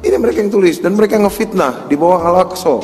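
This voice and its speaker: A man's voice: high-pitched, quick pace, a little mellow. Male lecturer, mocking tone, reverberant hall with faint music. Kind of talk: religious lecture.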